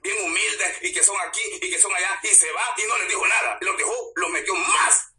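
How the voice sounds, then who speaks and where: A man preaching a sermon as pastor, swinging from hushed asides to shouts. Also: sits high, normal speed, faint music behind. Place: church. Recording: echoey church, voice from a distance.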